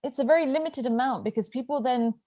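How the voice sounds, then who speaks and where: A woman's voice: high-pitched, fast, warm tone, no room sound, muffled recording. A woman hosting a podcast, chatting candidly and telling her own story, sometimes acting out what she said to herself. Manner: candid, storytelling with acted self-quotes. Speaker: podcast host. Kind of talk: casual podcast chat.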